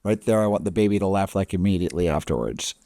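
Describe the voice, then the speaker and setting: Male editing instructor, relaxed and fairly low, casual screen-tutorial narration, close dry mic. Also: quick pace, dry recording.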